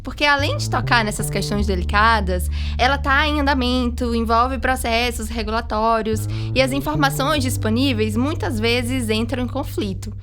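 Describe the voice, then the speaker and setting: Brazilian woman narrating, higher-pitched voice. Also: moderate pace, hardly any pauses, over music. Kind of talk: scripted podcast narration with casual asides.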